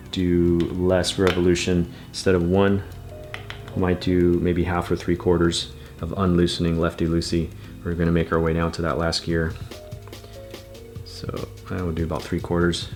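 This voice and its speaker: A man's voice: sits low, monotone, moderate pace, darkish tone, soft background music. A man giving a patient, methodical bike repair tutorial, talking through each step as he works. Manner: patient, methodical, repeats steps.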